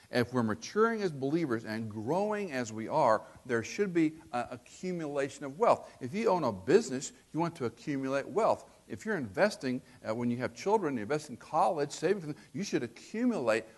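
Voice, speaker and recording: A man's voice: mid-range voice, very animated, brisk. An older man preaching a sermon, asking rhetorical questions and acting out quotes.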